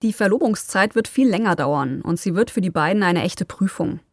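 A woman narrating a documentary podcast as its host, in a calm storytelling manner with occasional personal asides. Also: on the low side, brisk, no echo, studio quality.

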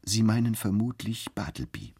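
A man's voice: lowish voice, big pitch swings, moderate pace, creaky, dark tone, husky, dry recording, studio quality, voice pushed up, heavily acted. A man voicing a polite, fussy young office clerk in a storybook reading who speaks formally and deferentially.

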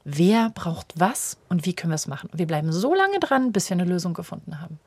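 A woman's voice: on the low side, a little fast, husky, dry recording. A middle-aged woman, a parenting expert, talking in an interview and acting out the voices of parents and children as she explains. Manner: animated, acts out quoted voices of children and parents. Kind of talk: conversational interview.

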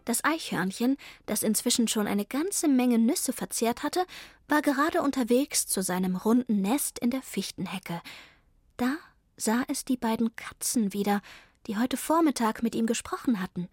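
A woman calmly narrating a children's story. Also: fairly high pitch, moderate pace, no room sound, clean studio sound. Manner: calm and clearly paced.

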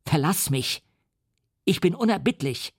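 A male audiobook reader playing a resolute young scientist who speaks forcefully and indignantly. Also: fairly high pitch, animated, measured pace, husky, no echo, clean studio sound, pitched above the performer's own voice, heavily acted. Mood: furious. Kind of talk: audiobook reading.

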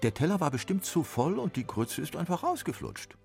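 A man's voice: fairly high pitch, very animated, a little fast, gravelly, a little mellow, soft background music, pitched above the performer's own voice. A man voicing a sensible adult woman who mocks her husband in a dry, dismissive way.

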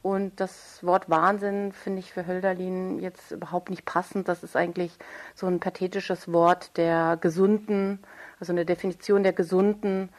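A writer interviewed about her own radio play speaks in a lowish, level voice at a moderate pace. Thoughtful and articulate, she searches for precise wording as she reflects on literature.

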